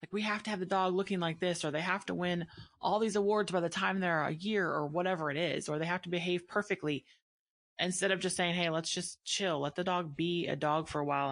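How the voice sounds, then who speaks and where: A woman's voice: sits low, no echo. A woman hosting a casual conversation, talking earnestly and emphatically and thinking aloud as she goes. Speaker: podcast host and dog breeder.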